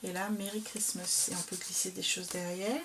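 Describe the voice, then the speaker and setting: A woman talking casually as she shows and describes a handmade craft album, hesitant and full of pauses. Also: on the low side, little pitch movement, noisy background. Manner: slow, hesitant, filled with "euh". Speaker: craft vlogger showing a received album. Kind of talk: casual show-and-tell.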